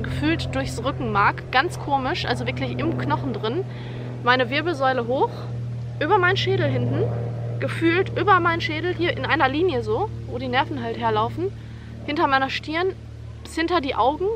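High-voiced woman telling a dramatic story. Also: moderate pace, noisy background. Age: young adult. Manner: vivid, dramatic retelling, acting out her own screams and quoting others. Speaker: vlogger. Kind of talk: personal birth story told to camera.

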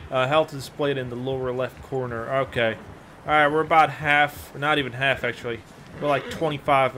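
A man's voice: medium pitch, a bit bright, a little hiss or hum. A young man giving casual gameplay commentary, reading prompts aloud and joking around. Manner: reads on-screen prompts, loose and joking. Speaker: gaming channel host.

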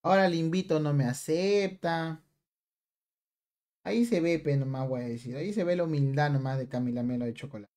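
A man's voice: fairly high pitch, fairly quick, dark tone. A young man streams a game, reading chat aloud and teasing viewers. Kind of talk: live stream chat while gaming.

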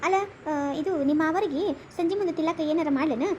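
A chatty village aunty in a cartoon, talking in a North Karnataka accent. She rattles along very fast in a high voice, fussing over her guests. A faint noise sits under the voice. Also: darkish tone, muffled recording. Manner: rapid, fussing, reassuring. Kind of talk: cartoon comedy voice acting.

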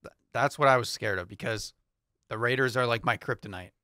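Here a young adult co-host chats casually about sports in a bright, medium-pitched voice, moving fairly quickly and chuckling lightly as he runs through matchups. The setting is a small foam-paneled podcast studio, where he uses a studio mic on a boom arm and headphones. Audio is studio quality with no room sound.

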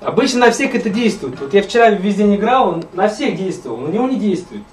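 High-voiced exasperated man streaming a game. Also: very animated, quick pace, slight background noise. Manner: exasperated, grumbling. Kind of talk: casual gameplay commentary. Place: indoors, in front of a TV. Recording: distant mic, loud game audio. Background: loud game music and sounds.

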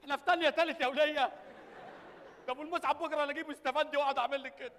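A man's voice: very high-pitched, fairly even intonation, rapid-fire, a bit bright, a faint crowd. A young Egyptian man playing a cheeky, wisecracking sailor in a stage comedy. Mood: teasing. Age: young adult. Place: large indoor theatre stage. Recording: echoey theatre stage, noisy.

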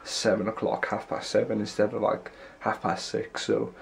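A young man with a gravelly, lowish voice speaks in a level tone at a moderate pace, chatting casually and rambling in run-on sentences for his vlog. His nose is stuffy and his throat sore, and he records at arm's length on a handheld camera inside the small rooms of his home.

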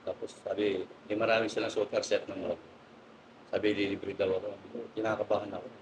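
A man guest telling animated, laughing anecdotes in a casual interview, polite and respectful to his host. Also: lowish voice, fast, background noise. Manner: polite, says "po" and "sir". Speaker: guest pigeon racer.

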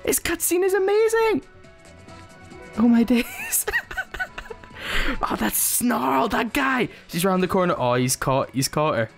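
A man giving excited let's play commentary, giggly and full of exclamations. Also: very high voice, takes it slowly, creaky, long pauses, over music.

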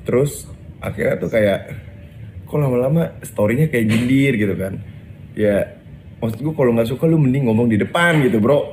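A man's voice: mid-range voice, darkish tone, a little hiss or hum. A man, a content creator, casually explaining a feud in blunt, defiant slang. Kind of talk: casual video clarification.

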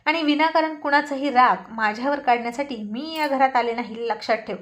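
A woman reading as a sharp-tongued young wife. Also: sits high, a little fast. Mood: angry. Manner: pointed questioning, firm warnings.

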